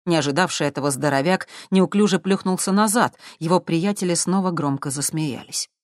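An audiobook narrator reading in a steady, even storytelling manner. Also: medium pitch, brisk, no room sound, clean studio sound.

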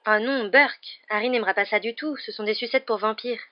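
A woman's voice: fairly quick, lo-fi sound, close to an everyday voice. Hermione: a woman doing a bossy anxious schoolgirl. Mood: disapproving. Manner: high and insistent.

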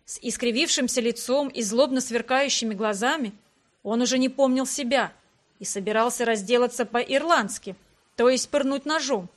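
Expressive female audiobook narrator, slightly high voice, reads the characters' lines with feeling. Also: normal speed.

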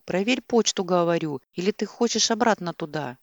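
A distraught young woman voiced by a female reader pleads and shouts in an audiobook, her voice pushed up high and loud. The sound is dry and close, with no room around it. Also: animated, brisk, dry recording. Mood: shouting.

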